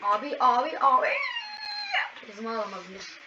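A woman commentating a video game as she plays, excitable and exclaiming at every fail and win. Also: fairly high pitch, normal speed. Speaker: gaming channel host. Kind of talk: live gameplay commentary. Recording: distant, muffled mic with loud background noise.

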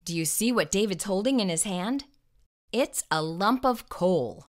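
Reading aloud to young children, a middle-aged woman hosts storytime with expressive, exaggerated emphasis, speaking directly to her little audience. Her mid-range voice has a lively intonation and an unhurried pace. She's recorded on a lapel mic in a small, furnished indoor room.

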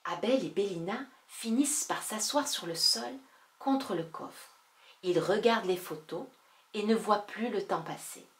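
A woman reading a children's story aloud, slow and gentle, lifting her voice for the characters. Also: medium pitch, echoey room.

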